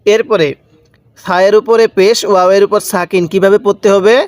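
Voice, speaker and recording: A man with a fairly high voice leads a patient recitation lesson, stretching each syllable and repeating letter sounds so the listener can follow along. His voice sounds close and dry, with no room around it. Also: fairly even intonation, a little fast, no room sound. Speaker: Quran reading teacher.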